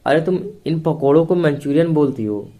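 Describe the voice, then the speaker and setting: A man's voice: a little high, lively intonation, moderate pace, mellow, pitched above the performer's own voice, close to an everyday voice. A man voicing a doting young man. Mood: teasing. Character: good-humoured young man, lover. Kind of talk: storybook reading.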